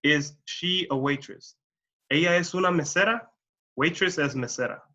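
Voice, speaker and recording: Slow, bright-voiced male English teacher. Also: on the high side, muffled recording. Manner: slow, carefully enunciated example sentences. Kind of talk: bilingual English lesson.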